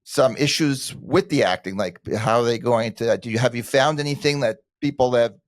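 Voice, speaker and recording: A man's voice: mid-range voice, normal speed, no room sound. A man hosting an interview, asking questions in a conversational way with some hesitant restarts. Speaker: podcast host.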